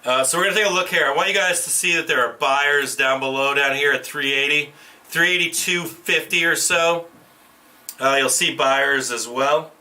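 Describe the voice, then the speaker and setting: A man's voice: a little high, normal speed, sharp tone, recorded from a distance. A man hosting a casual trading livestream through a tinny camera microphone that makes him sound like he is in a tin can. He talks bluntly, swears freely and restarts his sentences. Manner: profane, blunt, restarts often. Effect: tinny tin-can sound from a camera mic.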